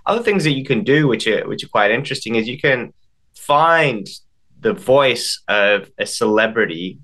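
A man speaking as an interview guest, explaining in a measured, step-by-step way with some restarts. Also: medium pitch, animated, a bit bright. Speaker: guest, IT expert.

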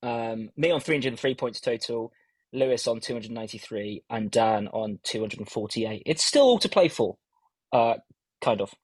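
A man hosting a casual fantasy football podcast with bantering, self-mocking chat, heard in low quality stream audio from a stand-in mic. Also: expressive, moderate pace, darkish tone, husky, no room sound. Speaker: host of a fantasy football show. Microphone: stand-in mic, not his usual one.

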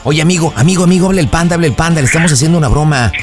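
A man's voice: on the high side, music in the background. A male radio host directing a prank call and coaching his callers on what to say. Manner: bossy, coaching callers with quick instructions.

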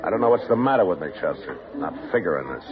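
A man playing a calm, commanding frontier marshal who gives firm, clipped orders, in 1950s radio drama style. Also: low-pitched, quick pace, music in the background. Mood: weary, wry. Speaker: town marshal. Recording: tinny lo-fi old radio broadcast.

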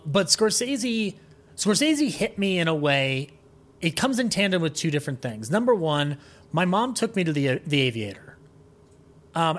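A man with a slightly high, fairly bright voice chats as a podcast guest. Talking casually about music and film with strong opinions, he is eager and emphatic and tends to restart his thoughts midway.

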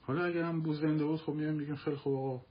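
A man's voice: on the high side, steady tone, dull audio. A man hosting a live talk stream, answering listeners in a casual, argumentative way and repeating points for emphasis. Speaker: livestream host.

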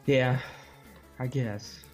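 A man's voice: mid-range voice, steady tone, drawn-out words, darkish tone, soft background music. A man co-hosting a podcast in casual chat, easygoing and rambling. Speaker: podcast co-host.

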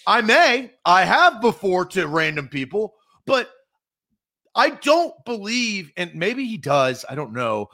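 A man co-hosting a casual sports talk podcast, animated and rambling with lots of "like". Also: sits high, takes it slowly. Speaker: podcast co-host.

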